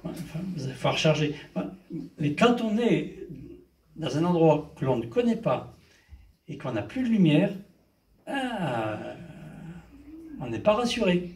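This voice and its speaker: An older male pastor preaches in a fairly high voice, leaning hard on his points and calling out amen and hallelujah as he goes. He sounds a little away from the mic, and the church around him rings with echo. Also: very animated, measured pace, long pauses, a little mellow. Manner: emphatic preaching, with repeated amens and hallelujahs. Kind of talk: sermon. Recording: echoey church hall, mic at a distance.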